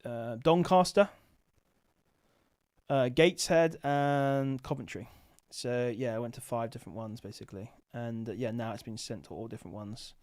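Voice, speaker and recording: A man's voice: mid-range voice, normal speed, a little mellow. A man hosting a late-night livestream, chatting casually and thinking aloud with many fillers, sounding tired. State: tired, sleepy. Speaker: livestream host, Amazon seller.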